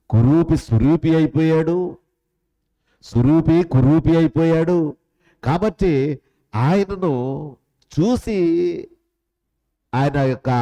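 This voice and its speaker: A man preaching a sermon as pastor. He asks many rhetorical questions and swings between loud, high lines and soft, low ones. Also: rough recording.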